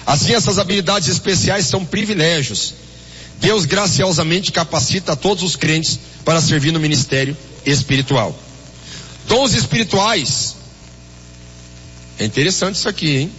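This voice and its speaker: A man's voice: fairly high pitch, animated, normal speed, fairly bright tone, husky, long reverb tail, poor audio. A Brazilian man with a Brazilian Portuguese accent preaching a sermon as pastor, with fervent exclamations and a story told through quoted dialogue.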